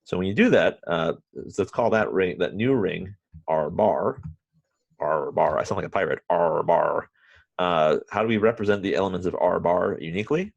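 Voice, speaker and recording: A man teaching a university math class remotely, halting often with restarts and fillers, and dropping wry, self-mocking asides. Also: deep voice, gravelly, dry recording, lo-fi sound. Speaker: math professor.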